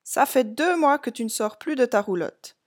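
A kind, playful male spirit of autumn in a storybook, as a woman reader gives him voice. He talks with lively enthusiasm, a little louder and higher than the narration, close to her own voice. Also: normal speed, lightly acted. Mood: enthusiastic.

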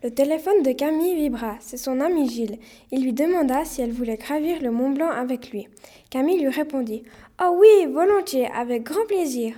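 Narrator: woman, high, mellow voice, steady story reading. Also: fairly quick. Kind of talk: read-aloud storytelling.

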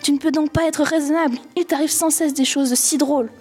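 A woman's voice: high-pitched, moderate pace, darkish tone, husky, soft background music. A woman voicing a desperate young woman shop clerk, anxious and scolding. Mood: urgent.

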